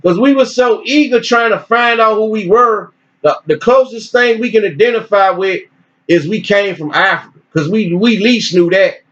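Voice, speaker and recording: A man teaching informally and reading articles aloud with his own commentary, in an animated, preachy way with repeated phrases. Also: high voice, moderate pace. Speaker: religious teacher. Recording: dull lo-fi recording.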